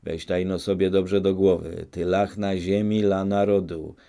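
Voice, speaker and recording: A man reading an audiobook, voicing a fiery, insistent peasant agitator who shouts his case at the village men. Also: deep voice, flat delivery, measured pace, vocal fry. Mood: heated, insistent.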